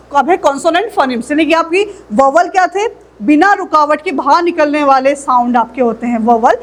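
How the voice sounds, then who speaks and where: A woman teaching an English phonetics lesson, explaining patiently and saying model words slowly for learners to repeat. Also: high-pitched.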